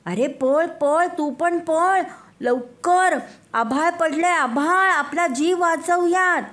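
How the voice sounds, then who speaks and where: A woman voicing a worried deer in a children's story, calling out in raised, hurried questions. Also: high voice, pitched above the performer's own voice. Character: deer, older-brother type, worried.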